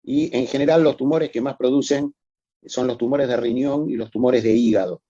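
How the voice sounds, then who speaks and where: A man's voice: medium pitch, steady tone, normal speed, dark tone, dry recording, muffled recording. A man giving a recorded medical lecture, explaining methodically and addressing students formally.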